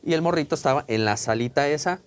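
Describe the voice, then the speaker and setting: A man's voice: fairly high pitch, fast, a little hiss or hum. A man telling a ghost story in casual chat, acting out voices and sounds. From Mexico. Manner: colloquial, vivid, acts out quotes and sounds. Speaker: podcast host.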